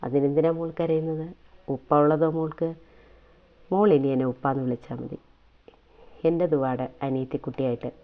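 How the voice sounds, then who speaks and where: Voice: medium pitch, close to an everyday voice. A storyteller voicing an affectionate older man who comforts a crying girl and asks her to call him father, speaking in a coaxing, tender way. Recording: tinny phone-like sound.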